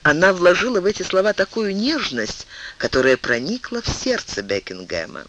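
Expressive male audiobook narrator. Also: high-pitched, moderate pace, rough recording.

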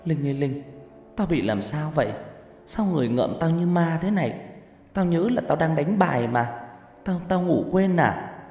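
A man's voice: fairly high pitch, lively intonation, moderate pace, darkish tone, pitched above the performer's own voice. A man voicing a frightened, guilt-ridden young woman who stammers and pleads through tears. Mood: bewildered. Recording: echoey reverberant room, faint music.

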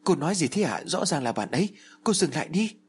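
Frightened teenage girl pleading in tears, put on by a male narrator, raised pitch. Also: expressive, fairly quick, slightly rough. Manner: pleading, tearful and desperate.

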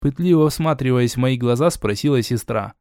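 A man reading a novel aloud in the first person, with a calm, wry inner-monologue tone. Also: mid-range voice, moderate pace, clear, resonant tone, no room sound, clean studio sound. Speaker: audiobook reader.

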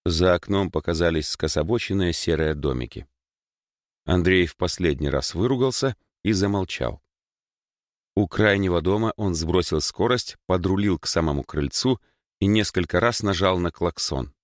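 A man with a very low voice reads a story aloud, even and measured. He sits close to the mic in a dry booth with no echo. The effect is a steady audiobook narration.

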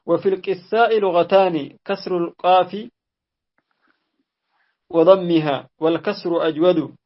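A man reading a classical exegesis text aloud in a measured way, restarting after slips. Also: sits high, fairly even intonation. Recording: dull lo-fi audio.

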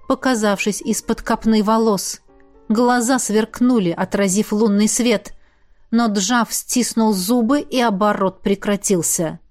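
A woman reading a fantasy novel aloud in steady, measured narration. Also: on the high side. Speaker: audiobook narrator.

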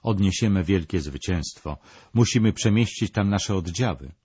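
A proud, indignant aging emperor speaking with imperious demands, as a documentary narrator reads his lines. The voice is low and husky. The recording is dry and dull. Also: animated, normal speed, a little mellow, no echo.

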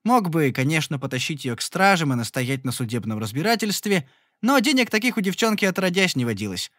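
A male audiobook narrator reading a first-person fantasy story with a lively, swinging pitch. His delivery is expressive and often exasperated, and his voice sits a little high for a man. The sound is dry and close, with no room sound. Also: brisk, no echo.

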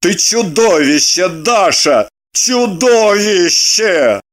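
A voice playing a fastidious, squeamish middle-aged husband in a storybook reading, snapping clipped, grudging retorts. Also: male voice, mid-range voice, no echo, clean studio sound, natural voice. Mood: irritated. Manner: sharp, clipped retorts through gritted teeth.

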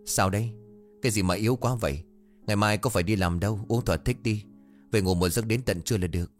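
Man doing a older male official, stern, scolding, skeptical, low voice, audio storybook, music behind. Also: quick pace, lightly acted. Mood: goading. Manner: scolding, lecturing. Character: stern skeptical older village official, hard-drinking host.

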